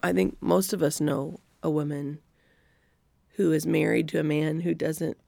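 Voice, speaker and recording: A woman leading a faith-based podcast discussion, earnest and reflective with gentle emphasis. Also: deep voice, fairly even intonation, unhurried, creaky, no room sound, studio quality. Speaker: Bible study discussion leader.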